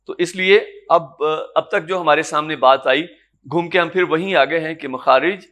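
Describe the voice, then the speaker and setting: A man with a high-pitched voice gives a classroom lecture on Quran recitation. He explains each point patiently and stops to ask whether his students have understood. When he gives examples, he chants the words slowly. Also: sharp tone. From Pakistan. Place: lecture room in an academy.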